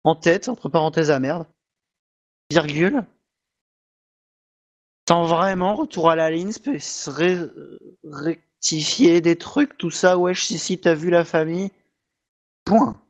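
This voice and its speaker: A man doing a slow half-robot voice reading a text. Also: fairly high pitch. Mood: grumbling. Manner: reads every punctuation mark aloud in a slow, mechanical dictation. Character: half-robotic voice dictating a text, punctuation and all. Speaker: YouTuber. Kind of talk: comic mock-dictation reading.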